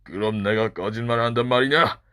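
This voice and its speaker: A man voicing a huge, mean castle master in a children's storybook, speaking slowly, low and mocking. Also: pushed and bright, clear, resonant tone, close to an everyday voice. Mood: taunting.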